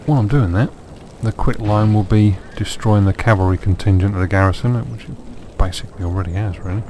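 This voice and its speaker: Low-voiced man with a sore throat. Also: steady tone, fairly quick, mellow, slight background noise. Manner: dry, wry self-mocking asides. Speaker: gameplay commentator. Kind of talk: let's play commentary.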